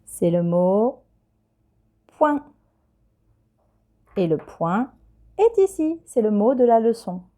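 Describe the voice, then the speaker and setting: A woman teacher, giving a patient, clear dictation lesson to young children and spelling letters one by one. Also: fairly high pitch, big pitch swings, slow, pauses often, dark tone. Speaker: primary school teacher.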